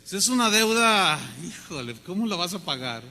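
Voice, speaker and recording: A man preaching a sermon, animated and often questioning the congregation. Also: high voice, moderate pace. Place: church hall. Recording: long hall reverb.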